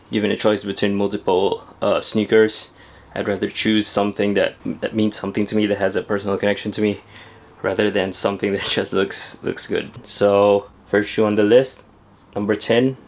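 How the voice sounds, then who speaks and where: At home indoors, a young sneaker vlogger talks casually to the camera about his sneakers, laid-back and chatty with plenty of fillers. His voice is on the low side, delivered flatly at a moderate pace.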